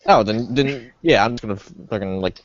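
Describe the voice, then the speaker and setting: A man's voice: medium pitch, brisk, no echo. A young man playing a tabletop game, rambling through his plans with many restarts. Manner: rambling, full of restarts and likes. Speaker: player. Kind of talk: casual chat at a game table. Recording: dull lo-fi recording.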